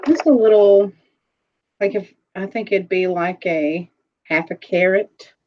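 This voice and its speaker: A woman's voice: mid-range voice, a little hiss or hum. Chatty woman on a muffled stream. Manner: chatty, rambling, quick to laugh. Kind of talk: casual live-stream chat.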